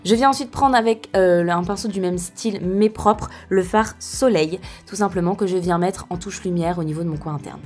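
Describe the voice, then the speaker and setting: A woman's voice: on the low side, moderate pace, few pauses, darkish tone, faint music behind. A young woman talks through a makeup tutorial in a casual, chatty way, with many fillers and self-corrections. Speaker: beauty vlogger.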